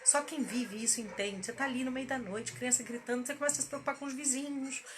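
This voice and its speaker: A woman, a mother, chatting casually to camera in a parenting vlog, animated and repeating words for emphasis. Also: high voice, quick pace, background noise. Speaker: mother vlogger.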